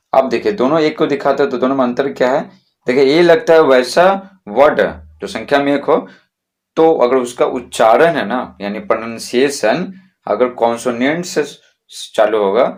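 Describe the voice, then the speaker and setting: A man, teaching English grammar to schoolchildren in a slow, repetitive way, often checking that students follow. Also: medium pitch. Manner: slow, repetitive classroom explaining with frequent checks.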